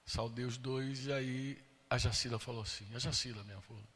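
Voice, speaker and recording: A man's voice: medium pitch, steady tone, fairly quick, fairly bright tone. A Brazilian man preaching a sermon, telling an emotional personal story and acting out the voices of the people in it. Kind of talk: sermon testimony. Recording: long hall reverb.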